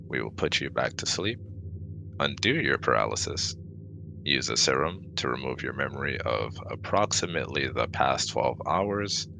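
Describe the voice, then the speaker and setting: In a scripted ASMR audio roleplay, a man voices a formal, easily exasperated male alien exobiologist, using a very deep, creaky, rock-bottom voice and heavy acting. The officious scientist speaks precisely and impatiently, with a lot of movement in his intonation, and the recording has clear noise.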